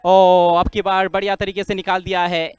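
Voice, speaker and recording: Guy doing excited cricket commentary, high smooth clear voice, shouting out the big shots. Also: normal speed, dry recording, muffled recording. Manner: exclaims at big shots, voice rising sharply.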